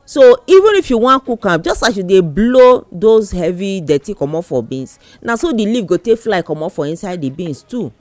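A man's voice: high-pitched, big pitch swings, moderate pace, few pauses, no echo. A man with a Nigerian accent chatting casually in West African Pidgin English as a partner in a radio conversation.

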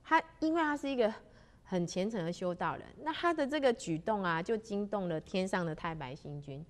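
A woman's voice: mid-range voice, animated. A woman telling a religious legend in a chatty way, drawing out her sentence-end particles. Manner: chatty, with many drawn-out particles. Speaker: storyteller. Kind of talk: spoken storytelling of a religious legend.

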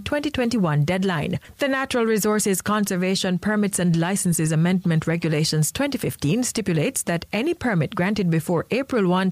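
A woman's voice: mid-range voice, no room sound. A woman with a Jamaican accent presenting a scripted news bulletin.

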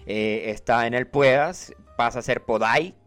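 A man talks casually on a radio show, explaining slang in a teacherly way. His voice sits in an ordinary middle pitch, and he jumps up when quoting phrases. Soft music plays faintly behind him. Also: a little slow. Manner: animated, teacherly, quotes phrases in a higher voice. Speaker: radio co-host.

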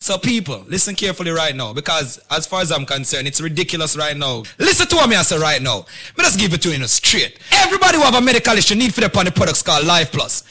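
A man making an urgent, emphatic promotional pitch to listeners. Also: sing-song, fast, bright, forceful tone.

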